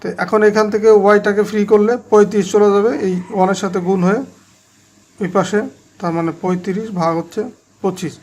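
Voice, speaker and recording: A man's voice: high-pitched, flat delivery, fast, darkish tone. A man teaching a math lesson step by step, speaking directly to his students in Bangladeshi Bengali.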